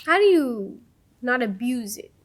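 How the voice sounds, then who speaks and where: A woman's voice: on the high side, big pitch swings, a little slow. A woman in a casual conversation, asking curious questions and chatting.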